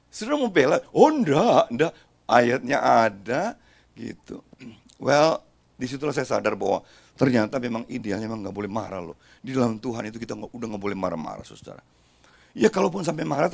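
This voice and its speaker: A man's voice: mid-range voice, vocal fry. A middle-aged male pastor preaching a sermon, joking and speaking directly to his congregation. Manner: lively, joking, talks straight to the congregation.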